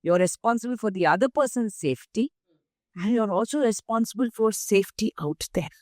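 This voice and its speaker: An older woman with an Indian accent, speaking as a guest in an interview, measured and emphatic as she explains through lists of examples. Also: medium pitch, animated, darkish tone, dry recording, studio quality. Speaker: guest, nonprofit founder. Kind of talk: interview conversation.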